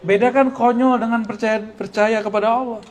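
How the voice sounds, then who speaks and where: A man giving a religious study lecture at an Islamic boarding school in casual style speech, lively and joking, often laughing. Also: very high voice, normal speed. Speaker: preacher.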